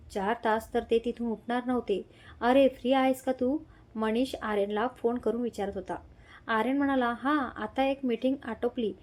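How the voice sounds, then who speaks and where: Woman reading a story, mellow voice. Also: on the high side. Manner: reads every character's lines in her own voice with little change. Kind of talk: scripted story narration.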